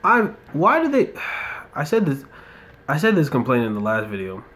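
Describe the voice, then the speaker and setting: A young man from the US casually narrates his mobile football gameplay indoors, slipping in mumbled remarks and the odd rant. He speaks at a moderate pace in a fairly high pitch, with a bit of background noise present.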